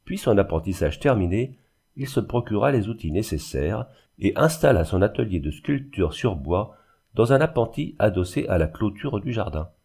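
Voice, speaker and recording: A man narrating a literary audiobook in a measured, even storytelling manner. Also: on the low side, vocal fry, husky.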